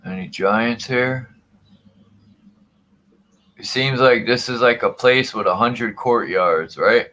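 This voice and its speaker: A man's voice: medium pitch, slow pace, pauses often, bright, forceful tone. A man hosting a casual livestream chat, rambling and swearing offhandedly as he talks through what is on screen. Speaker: livestream host.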